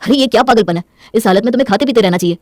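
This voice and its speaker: A woman voicing a caring, earnest young husband in a spoken moral story, gentle and reassuring. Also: a little high, rapid-fire, dry recording, clean studio sound, lightly acted. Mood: concerned. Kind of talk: Hindi moral story voice acting.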